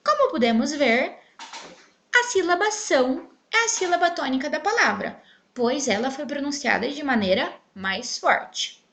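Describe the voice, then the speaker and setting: A woman teaching a grammar lesson, speaking clearly and stretching out syllables to show the stressed one. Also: high voice, big pitch swings, measured pace, fairly bright tone. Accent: Brazilian Portuguese. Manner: clear, emphatic, stretches syllables when spelling out words.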